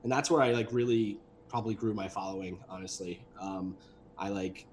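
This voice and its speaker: Guesting on a livestream, this young voice actor and animator rambles about his voice work, full of fillers and false starts. He speaks at a normal pace in a lowish, slightly mellow voice with little pitch movement, and a faint hiss or hum is audible.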